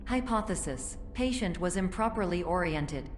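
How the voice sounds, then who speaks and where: A woman voicing a malfunctioning female AI therapy system in a game, with a glitching robotic sound and a flat, procedural delivery. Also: on the low side, moderate pace, faint music behind. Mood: clinical. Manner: flat, procedural, reads out protocol steps. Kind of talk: game voice acting. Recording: long reverb with faint noise.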